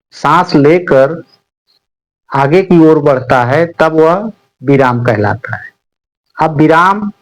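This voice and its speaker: An Indian man teaching a grammar lesson to students, explaining slowly and deliberately with many pauses. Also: fairly high pitch, low-quality recording.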